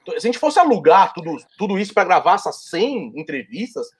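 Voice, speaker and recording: A man who works in video talks in casual chat and keeps stumbling over his words. His voice sits slightly high. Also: sing-song, fast, slightly rough. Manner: hesitant, repeating words. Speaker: video producer.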